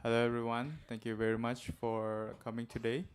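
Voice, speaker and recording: Man, Indonesian accent, presenter, friendly, steady monotone, clear resonant voice. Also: medium pitch, brisk. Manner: friendly, many filler uhs. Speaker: guest presenter. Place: seminar room.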